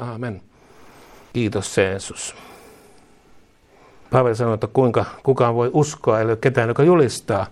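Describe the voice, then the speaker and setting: A man's voice: mid-range voice, darkish tone. A middle-aged man preaching a fervent sermon, repeating phrases for emphasis and chuckling at his own asides.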